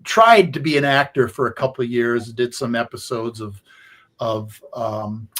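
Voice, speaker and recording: Guy co-host on sports radio, mid-pitch, rambles through stories and fades out. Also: measured pace, a bit bright. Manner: rambling anecdotes, trails off. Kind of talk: radio talk, storytelling.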